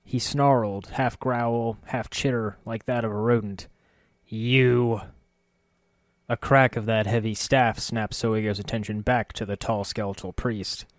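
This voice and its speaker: A man reading a fantasy audiobook as narrator, with even, measured storytelling. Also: fairly low pitch, no echo. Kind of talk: scripted narration.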